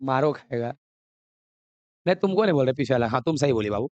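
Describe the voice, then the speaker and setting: A man's voice: mid-range voice, lively intonation, quick pace, darkish tone, dry recording, lo-fi sound. A man teaching a chemistry class, coaxing and scolding students while mixing with English. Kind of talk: classroom lesson.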